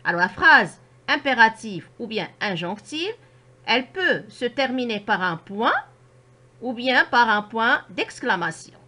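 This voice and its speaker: A woman teacher with a Moroccan French accent, explaining a grammar lesson to children slowly and with careful articulation. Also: fairly high pitch, animated, bright, forceful tone. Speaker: primary school teacher.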